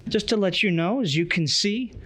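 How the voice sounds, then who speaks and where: A man's voice: high voice, normal speed, pushed and bright, a little hiss or hum. A man giving an earnest, emphatic conference lecture, reading from a tablet.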